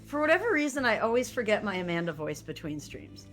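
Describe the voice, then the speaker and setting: A woman streamer chatting casually with her viewers and co-host, laughing and animated. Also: mid-range voice, quick pace, faint music behind. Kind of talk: casual live-stream chat.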